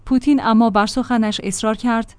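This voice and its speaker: A woman reading out a news magazine report in a steady, measured way. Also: fairly high pitch, smooth, no echo. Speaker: news reader.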